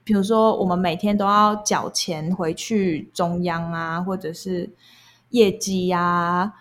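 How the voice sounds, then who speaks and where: A woman's voice: fairly low pitch, fairly even intonation, slow. A young woman with a Taiwanese accent, talking casually and candidly as she explains her own experiences. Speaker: guest recounting past jobs. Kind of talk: casual conversational storytelling.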